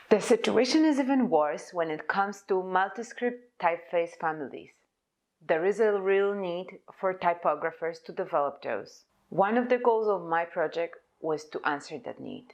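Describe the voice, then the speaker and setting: Speaking English with Polish as her first language, a young woman with a somewhat low voice presents her own type design at a conference. Her delivery is prepared, measured and deliberate, like she's following notes.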